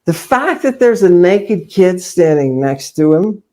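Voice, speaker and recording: A man's voice: sits high, sing-song, measured pace, mellow. A man giving an informal lecture on ancient texts, rambling, repeating phrases and checking in with "right?". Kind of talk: informal lecture reading from a text.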